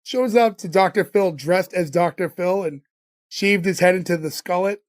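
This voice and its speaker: A man's voice: sits high, normal speed. A man co-hosting a podcast, chatting loosely and recapping a sitcom episode with plenty of "like" and "you know". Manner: chatty, loose retelling with fillers. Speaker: podcast co-host.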